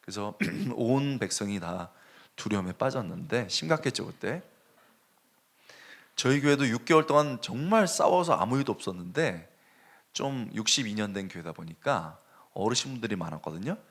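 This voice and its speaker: Lively low-voiced male pastor preaching. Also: normal speed. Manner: animated storytelling, dropping to a hush and rising sharply. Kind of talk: sermon.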